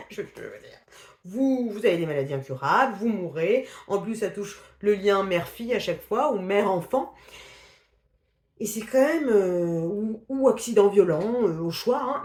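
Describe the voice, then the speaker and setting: A woman's voice: medium pitch, echoey room. A woman casually reviewing the books she has read, talking in a chatty, hesitant way with many fillers, restarts and laughs. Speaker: book vlogger. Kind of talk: casual book review chat.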